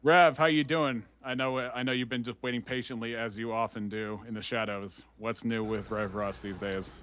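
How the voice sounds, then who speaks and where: Male livestream host, bright and forceful tone, quick joking riffs, casual banter. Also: mid-range voice, steady tone. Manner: jokey, quick to riff.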